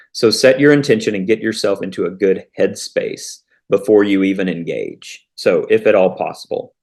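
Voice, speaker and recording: Low-voiced man coaching parents. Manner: relaxed and chatty, with frequent "um" pauses and rhetorical questions. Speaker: parenting educator. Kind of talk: conversational teaching talk to parents.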